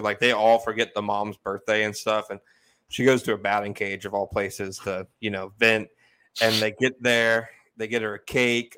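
A man's voice: on the low side, a bit bright, clean tone, low-quality recording. A man co-hosting a sports podcast, chatting casually and laughing as he retells favorite TV scenes. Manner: laughs often while retelling funny scenes. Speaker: podcast co-host. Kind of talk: casual chat.

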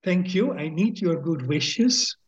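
Interviewed on a podcast, an older Dutch emeritus professor and guest author speaks very slowly in an expressive, husky, somewhat high voice with a Dutch accent. He's thoughtful and hesitant, with frequent fillers, pauses and restarts, and reads translated poetry in a slow, measured way. The recording is dull and lo-fi.

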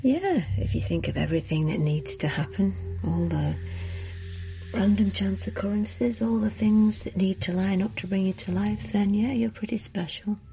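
An actress playing a calm, blunt, earthy female retreat leader in an audio drama, with deadpan, unhurried delivery. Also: medium pitch, vocal fry, soft background music, close to an everyday voice.

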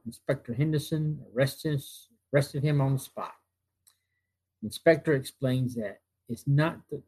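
A man in his fifties hosting a retrospective, narrating from notes in a halting way and often repeating phrases. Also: mid-range voice, a little mellow, low-quality recording. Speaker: host. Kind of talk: semi-scripted narration of TV show retrospective.

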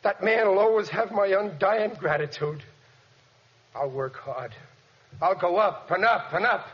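A man playing an excitable, boastful, dim family man in a 1940s radio sitcom, stammering and blustering with bad grammar. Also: high-pitched, a little slow. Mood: earnest, bragging. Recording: noisy, dull 1940s radio recording.

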